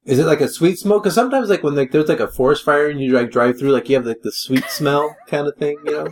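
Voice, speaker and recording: A man's voice: fairly high pitch, fast. A man co-hosting a beer review, chatting casually in a rambling way full of "like" and "you know". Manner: rambling, filler-heavy, animated. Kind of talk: casual chat.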